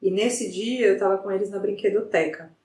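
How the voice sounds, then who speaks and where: A middle-aged woman, a psychologist guest, telling a story in a lively way with many restarts. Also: medium pitch, normal speed, far from the mic. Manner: animated retelling with frequent restarts. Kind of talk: conversational storytelling in an interview. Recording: roomy sound from off the mic.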